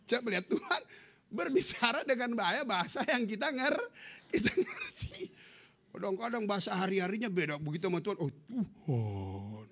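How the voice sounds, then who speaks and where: Animated gravelly preacher man. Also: high-pitched, a little fast. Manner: animated, shouting hallelujahs, comic storytelling. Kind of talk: humorous sermon testimony.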